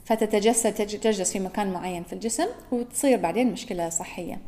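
A woman's voice: mid-range voice, fast talker, mellow. A woman with a Gulf Arabic accent hosting a podcast, talking in an earnest, musing solo monologue and correcting herself as she goes. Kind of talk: reflective solo talk.

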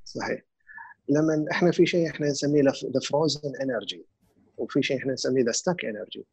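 A man with a Gulf Arabic accent calmly explains emotions and grief, mixing in English words. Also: mid-range voice, fast, creaky, slightly rough, no room sound. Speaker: guest speaker on grief and emotions. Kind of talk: reflective conversational explanation.

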